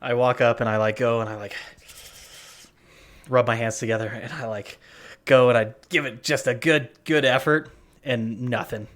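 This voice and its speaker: A man's voice: medium pitch, steady tone, normal speed, fairly bright tone. A man co-hosting a podcast, telling a story in casual chat, full of fillers and restarts. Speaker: podcast co-host. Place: worked at a gym front desk.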